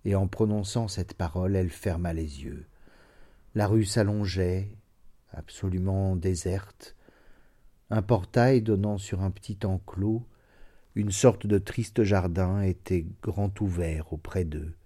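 Slow, deep-voiced male narrator. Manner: slow, even, literary reading. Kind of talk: audiobook reading of classic fiction.

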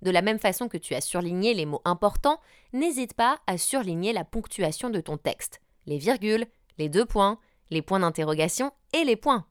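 In a dry, studio-quality recording with a clean tone, a young woman who works as a radio journalist gives an upbeat scripted tutorial aimed directly at the listener. She speaks at medium pitch and normal speed, staying lively and modeling intonation.

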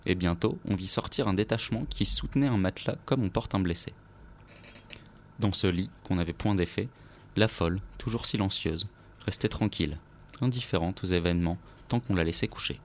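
A man narrating a literary story aloud in a grave, measured way. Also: low-pitched, a little hiss or hum.

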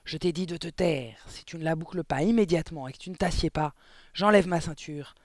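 A man's voice: on the high side, brisk, vocal fry, no room sound. A man reading an audiobook voices a huge, tyrannical headmistress who barks and rants insults at a pupil. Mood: raging. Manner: barking, ranting insults.

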